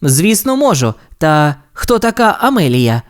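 A confident boy who leads a puppy rescue team, done by a woman reading a storybook. The voice is lifted somewhat over her own, with a lively lilt. He gives orders in an upbeat, commanding way. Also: sits low, a little slow. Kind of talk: audiobook character voice.

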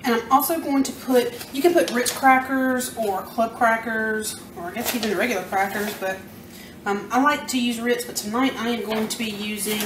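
A chatty Southern woman in her thirties, a home cooking vlogger, walks through a recipe in a casual demo in her roomy kitchen, joking at her own slips as she works. A distant camera mic across the room catches her slightly high voice along with background noise, while pots, pans and utensils clink and clatter.

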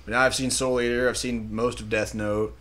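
A young man with an ordinary mid-range voice, talking loosely as a podcast co-host. He rambles in a relaxed way, trailing off and chuckling between thoughts. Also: medium pitch, brisk. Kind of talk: casual joking chat.

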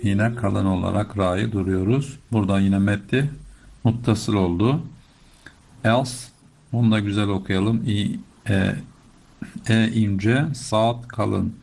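Male recitation teacher, low voice, very slow and patient, chants verses. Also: steady tone, creaky, a little mellow. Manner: explains patiently, then chants verses slowly. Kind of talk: slow step-by-step recitation lesson.

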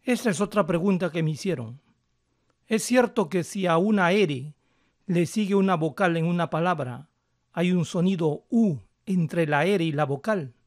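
A man calmly explaining English pronunciation step by step as a language teacher, slowing down to model words. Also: high-pitched, no room sound, clean studio sound. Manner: calm, methodical, slows down to model words.

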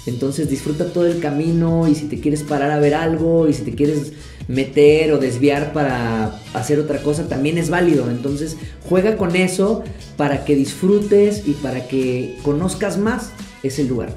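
A man's voice: fairly high pitch, normal speed, warm tone, echoey room, soft background music. A young man vlogger casually explaining road trip tips from a living room couch. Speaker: travel vlogger. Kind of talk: casual advice to camera.

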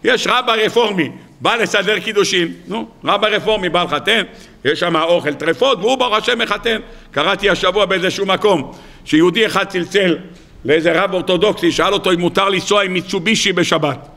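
A man's voice: high voice, gravelly, bright, forceful tone. A man, a rabbi, giving a weekly Torah sermon in a storytelling way, with humorous asides.

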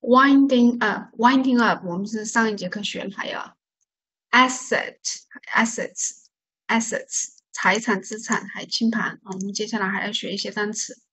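Woman, vocabulary teacher; steady mid-pitched voice, patient, drills each word by repetition. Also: fast talker, few pauses, husky. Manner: patient, repeats words to drill pronunciation; explains stress and silent letters step by step. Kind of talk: online vocabulary lesson.

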